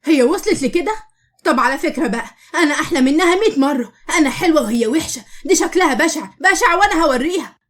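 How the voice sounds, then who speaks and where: Vain young Egyptian rival, read by a woman. Sharp, high-pitched. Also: lively intonation, quick pace. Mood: spiteful. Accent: Egyptian Arabic.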